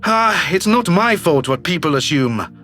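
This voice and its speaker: A man gives a breezy, confident reading as a slick, brash alien who has just been elected governor, speaking with glib self-assurance in a sci-fi audio drama. His voice sits on the high side, pushed, bright, and animated, though unhurried, and it's been pushed down in pitch. Soft music plays in the background.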